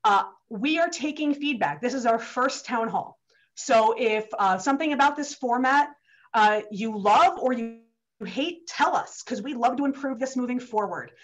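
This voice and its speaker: A young woman with a fairly high voice hosts a town hall on a video call, talking in a loose, chatty way full of fillers and restarts. She sounds slightly out of breath. The audio is dull and lo-fi, as from a laptop call in an office. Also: animated, moderate pace. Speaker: state legislator hosting a virtual town hall. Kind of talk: casual opening remarks on a video call. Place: district office.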